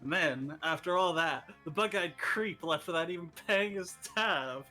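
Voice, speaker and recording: Brief: friendly game innkeeper woman, played by a man, bright, chatty, slightly high. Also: normal speed, faint music behind. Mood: amused. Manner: chatty, curious.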